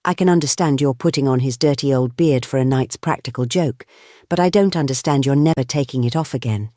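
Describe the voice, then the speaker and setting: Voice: medium pitch, brisk, warm tone, no echo, studio quality, natural voice. An audiobook reader voicing a young male poet-detective who speaks in a pointed, questioning way. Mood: probing. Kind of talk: audiobook character reading.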